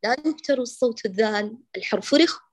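A woman teaching Quran recitation, patiently correcting a student, with affectionate words and sounds demonstrated slowly. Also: fairly high pitch, lively intonation. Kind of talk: correcting recitation in an online lesson.

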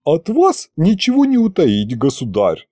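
A man voicing an eager, flattering male butler at a royal court in an audiobook. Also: on the high side, unhurried, dry recording, studio quality, voice pushed up, exaggerated voice. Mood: fawning. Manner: fawning, flattering.

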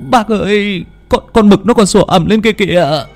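A man's voice: sits high, moderate pace, soft background music, pitched above the performer's own voice. A man voicing a terrified young village man who stutters and cries out. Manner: stuttering, crying out.

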